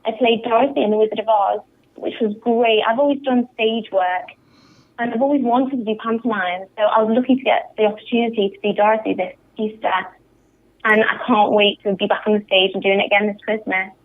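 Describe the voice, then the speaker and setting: Speaking over a muffled, tinny phone line, this young northern English pantomime actress is upbeat and enthusiastic in her radio interview. She talks fairly quickly at a medium pitch with a steady tone.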